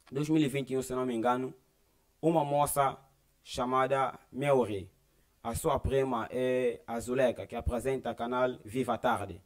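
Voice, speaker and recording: Young man, Angolan Portuguese accent, earnest storytelling, church testimony. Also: medium pitch. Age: young adult. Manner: earnest storytelling that acts out quoted dialogue. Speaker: church member giving testimony. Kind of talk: personal religious testimony.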